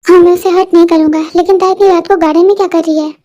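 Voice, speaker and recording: A very high-voiced reader playing a remorseful young man who pleads to be forgiven. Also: fairly even intonation, rapid-fire, warm tone, dull audio. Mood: pleading. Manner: pleading, apologetic.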